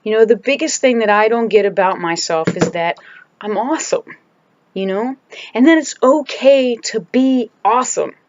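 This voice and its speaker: A woman's voice: fairly high pitch, normal speed, muffled recording, a little hiss or hum. A woman talking candidly into the camera from home in a casual video diary, emphatic and searching for words as she goes. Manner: candid and emphatic, restarts and trails off. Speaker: vlogger.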